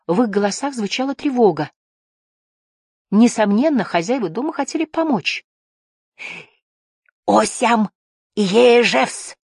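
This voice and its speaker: A woman narrating an adventure story in a steady storytelling voice. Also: a little high, moderate pace, breathy edge, dry recording, clean studio sound. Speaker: audiobook narrator. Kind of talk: scripted narration.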